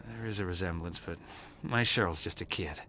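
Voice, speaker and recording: A man's voice: deep voice, brisk, bright, forceful tone, slight background noise. An actor in his thirties playing an anxious, earnest father, speaking in a hesitant, worried way in a video game. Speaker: father searching for his daughter.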